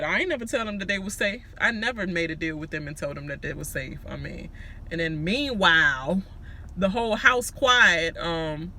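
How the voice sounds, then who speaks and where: A man's voice: a little high, sharp tone, slight background noise. A man with a Washington, D.C. accent gives a casual, gossipy recap with sassy, slangy, profane commentary. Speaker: reality show recapper.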